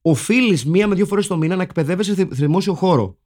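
A man's voice: high-pitched, expressive, a little mellow. Man, podcast co-host, sarcastic jokey riffing, slightly raised voice. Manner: joking, sarcastic, repeats words and fillers. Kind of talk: casual comedic film-review chat.

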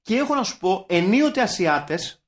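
A man, co-hosting a podcast in casual, animated banter about films, swearing and bursting into mock-shouted quotes. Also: high voice. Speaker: podcast co-host.

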